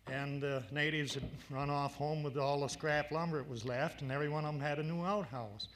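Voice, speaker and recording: A man's voice: on the high side, steady tone, a little hiss or hum. An older man from upstate New York, a folk singer telling the stories behind his songs with dry humor. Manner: slow, folksy, dry humor. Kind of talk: folk song introductions and stories at a gathering.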